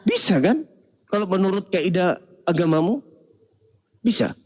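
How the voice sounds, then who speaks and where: A man's voice: high voice, very animated, a little slow, darkish tone. A man hosting a debate, arguing mockingly and acting out animals that complain. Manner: mocking, acts out animal voices. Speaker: debate host. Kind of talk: comic argument.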